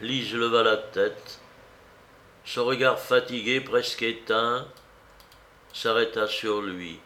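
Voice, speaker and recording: A man narrating a classic novel as an audiobook, in a measured, even reading. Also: mid-range voice, slight background noise.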